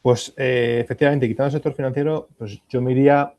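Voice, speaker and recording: Steady low-key Spanish man. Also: quick pace, dry recording. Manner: thoughtful, many fillers and restarts. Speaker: panel expert on ESG reporting. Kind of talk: conference panel answers.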